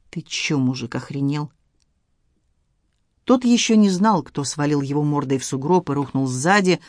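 A man's voice: on the high side, dry recording, studio quality. A man reading a crime novel aloud with tense, dramatic narration. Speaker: audiobook narrator. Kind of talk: scripted narration.

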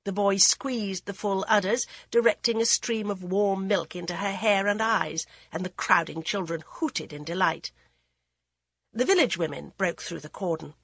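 Female audiobook narrator, husky, dry close recording, middle pitch. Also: a bit bright, no echo. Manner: voices characters with raised pitch. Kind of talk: scripted storybook narration.

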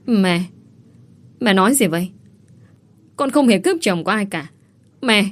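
A woman's voice: medium pitch, expressive, measured pace, natural voice. A woman voicing a young woman who protests her innocence in an indignant, tearful way. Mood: defiant. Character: young woman, wronged and defiant.

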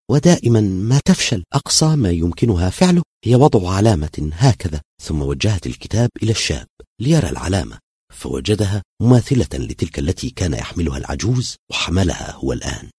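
Deep raspy guy reading a spooky story, lively swoopy delivery, dry close sound. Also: fast, dry recording. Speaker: narrator. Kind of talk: dramatic audio story narration.

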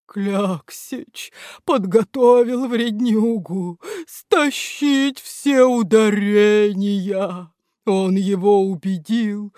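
A woman voicing a giant male statue that speaks tearfully in a slow, drawn-out way. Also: medium pitch, a little mellow, dry recording, clean studio sound.

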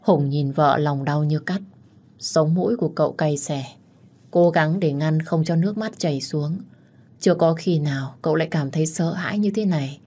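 A woman storyteller narrating a tense, dramatic story. Her voice sits fairly low, and she tells it at a steady pace. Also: normal speed.

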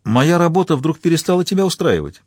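A man doing a tough, sharp-tempered woman detective. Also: a little high, sing-song, quick pace, husky, no echo, clean studio sound, pitched above the performer's own voice. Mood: challenging. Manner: curt, challenging retorts.

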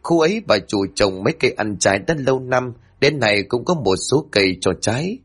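A man narrating a scripted horror story in a dramatic, expressive way. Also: mid-range voice, fairly quick, husky.

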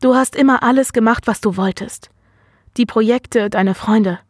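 A woman reading the lines of a gaunt old father, gentle but quick-tempered, in an earnest way. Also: a little high, no echo, studio quality, close to an everyday voice. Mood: tender.

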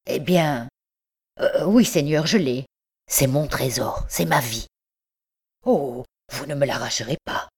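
A woman's voice: very deep voice, takes it slowly, breathy edge, full character voice. A woman doing an old bookseller who stammers over his treasures. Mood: fretful. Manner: stammering, pleading, feverish.

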